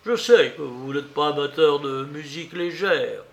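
A man's voice: on the high side, unhurried, creaky. A man reading the part of a charming, self-pleased young amateur composer in a storybook reading, chattering eagerly. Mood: flattering. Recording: roomy echo.

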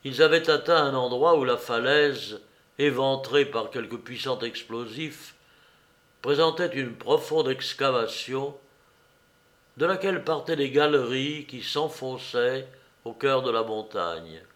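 Measured male audiobook narrator. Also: medium pitch, fairly bright tone. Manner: measured reading, slowing and dropping at phrase ends.

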